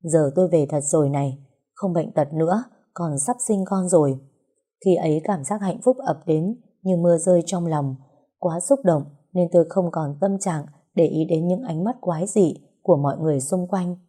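A woman's voice: on the low side, normal speed, slightly rough. A woman reading a first-person story aloud and voicing all the characters' lines herself. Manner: reads every character's lines herself, lively in dialogue. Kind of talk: first-person audiobook narration.

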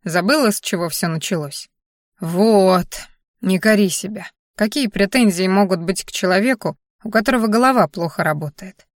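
A woman voicing an elderly father-in-law who talks briskly, grumbles and reassures, in an audiobook. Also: mid-range voice, no echo, clean studio sound, lightly acted. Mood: gruffly reassuring. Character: elderly male father-in-law, gruff but caring.

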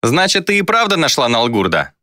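A man's voice: mid-range voice, very animated, a little fast, bright, forceful tone, no echo, studio quality, pitched above the performer's own voice. A man voicing a smug young male sorcerer who mocks and smirks as he talks. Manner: smirking, mocking.

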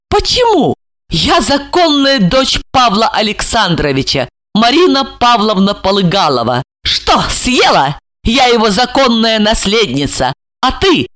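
A woman's voice: a little high, a bit bright, pitched above the performer's own voice. A woman reading aloud, voicing a scheming young woman who taunts and mocks her victim. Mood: sneering. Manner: sneering, taunting.

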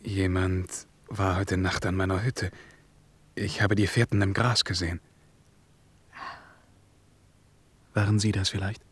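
An actor playing a brooding, lonely young lieutenant in a 1950s German radio play, speaking earnestly and with feeling. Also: male voice, low voice, little pitch movement, normal speed, breathy edge. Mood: tender. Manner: earnest, emotional, at times softly murmured. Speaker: lead character and first-person narrator.

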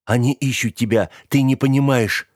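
A man's voice: mid-range voice, fairly even intonation, normal speed, no room sound, clean studio sound, voice pushed up, lightly acted. A man voicing a young man who protests and pleads with his friend not to stay behind. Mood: alarmed pleading. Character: young man, alarmed pleading narrator-hero.

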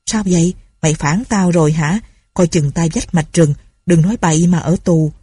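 Woman doing a gruff suspicious old village chief. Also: fairly low pitch, normal speed, dark tone, dry recording. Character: stern older male village chief, suspicious.

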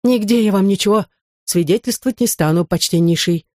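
A woman's voice: medium pitch, brisk, a little mellow, dry recording, studio quality, close to an everyday voice. A woman reading an audiobook, voicing a timid male intellectual neighbour who pleads in anguish. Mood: imploring.

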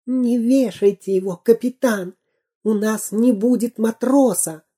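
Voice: medium pitch, measured pace, mellow, breathy edge, voice pushed up. A storyteller voicing a sly, sniggering pirate sidekick in a storybook reading. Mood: urgent whisper. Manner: sniggering, wheedling.

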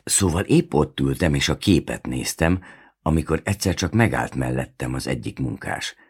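Deep gravelly guy reading a novel aloud, husky, slow and steady. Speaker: audiobook reader. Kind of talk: first-person novel narration.

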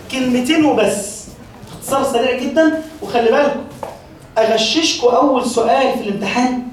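A woman's voice: sits high, a little hiss or hum. A woman with an Egyptian accent teaching a Quran class. She keeps checking in with her students as she talks. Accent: Egyptian Arabic. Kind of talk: classroom lecture. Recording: very echoey hall, distant mic.

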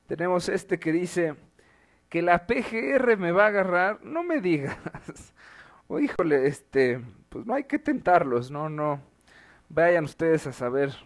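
Mexican male host, slow and somewhat high voice, sardonic live commentary, curses easily. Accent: Mexican Spanish. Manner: exasperated, wry, swears freely. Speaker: host of an online show.

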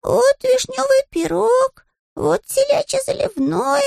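Paddington, a squeaky little bear. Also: male voice, lively intonation, takes it slowly, vocal fry, a little mellow, dry recording, clean studio sound, full character voice. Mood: earnest. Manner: squeaky, innocent, earnest. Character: small polite young male bear, earnest and naive.

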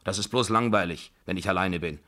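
Here a man reads radio drama lines as a commanding 75-year-old grandmother, scolding and ordering people about. His voice is low and a little fast, the delivery loud and bossy.

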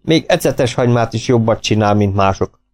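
A man voicing a hearty, generous middle-aged host in an audiobook, booming and doting. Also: expressive, a little mellow, natural voice. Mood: jovial. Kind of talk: audiobook character voice.

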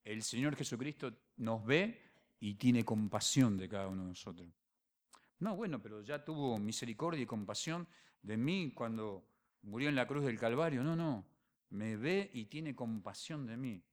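A man with a Rioplatense Spanish accent preaching a sermon as pastor, animated, dropping to quiet phrases and then rising to loud emphatic ones. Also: mid-range voice, normal speed. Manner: animated preaching, acts out voices and dialogues.

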